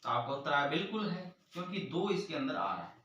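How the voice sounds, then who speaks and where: Speaking quickly and very animatedly, a man teaches maths to children, explaining each step and calling on them over and over. His high, pushed and bright voice swings widely in pitch, captured far from the mic in a strongly echoing room with dull audio and slight background noise.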